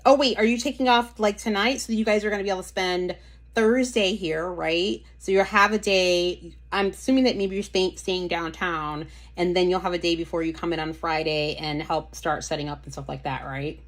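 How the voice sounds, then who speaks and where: Chatty woman with a lowish voice. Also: steady tone, normal speed. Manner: chatty, easily distracted, talks to viewers and reads comments aloud. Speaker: livestream host showing nail polish. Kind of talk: casual live-stream chat.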